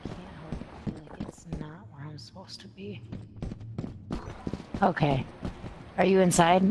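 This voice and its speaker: Low-voiced woman gamer, heard faint and muffled through a wall over noisy game chat. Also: steady tone, measured pace. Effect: distant, muffled, as if heard through a wall.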